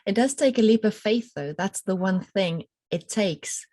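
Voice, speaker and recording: A woman co-hosting a casual spiritual conversation, reflective and empathetic, pausing thoughtfully as she talks. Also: mid-range voice, expressive, mellow, no echo. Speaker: podcast co-host.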